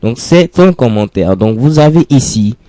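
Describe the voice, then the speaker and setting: A man's voice: medium pitch, lively intonation, moderate pace, warm tone, dry recording. A man teaching a programming lesson in French over a screen recording, explaining patiently step by step and repeating key phrases. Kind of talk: screencast coding tutorial.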